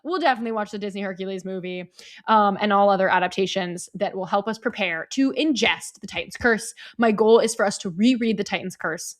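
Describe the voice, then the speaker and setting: A woman co-hosting a podcast in casual chat, playful and quick to laugh. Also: medium pitch. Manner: playful, giggly, bubbly. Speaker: podcast co-host.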